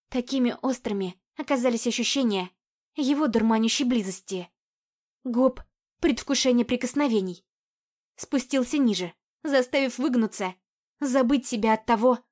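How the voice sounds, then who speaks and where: A woman narrating a first-person romance audiobook in an intimate, even, unhurried reading. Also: fairly high pitch. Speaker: audiobook reader.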